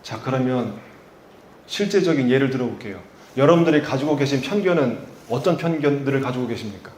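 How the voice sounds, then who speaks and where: A man's voice: mid-range voice, lively intonation, brisk, darkish tone, echoey room, slight background noise. A male pastor from Chungcheong with a Chungcheong accent, preaching a sermon and asking the congregation rhetorical questions before rising to emphatic peaks. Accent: Chungcheong Korean. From Chungcheong, Korea.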